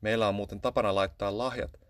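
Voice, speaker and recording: A man's voice: lowish voice, steady tone, no echo, lightly acted. A man voicing a sly, coaxing house cat. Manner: coaxing, sly, pointedly loud. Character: scheming, nosy house cat.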